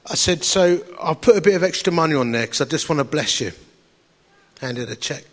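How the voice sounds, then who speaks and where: A man's voice: on the high side, animated, fairly quick, fairly bright tone. A man with an Essex accent preaching through personal anecdote in a chatty, wry, self-deprecating storytelling manner. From Essex, England. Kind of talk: anecdotal sermon to an audience.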